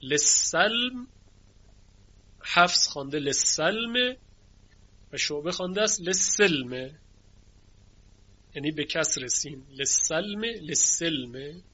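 A man teaching a lesson on Quran recitation variants, chanting the cited words slowly and then explaining them in plain talk. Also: on the high side, lively intonation, bright, forceful tone. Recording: dull lo-fi recording.

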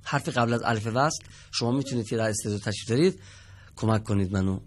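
A man teaching Quran reading in a televised studio lesson. He quizzes his students patiently and stretches out each example word slowly. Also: lowish voice.

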